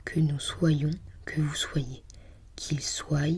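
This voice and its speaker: A woman whispering breathily as in a library, reading aloud for ASMR in a hushed, unhurried, musing way. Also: low-pitched, flat delivery, slight background noise. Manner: hushed, unhurried, murmuring to self while reading. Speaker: ASMR host.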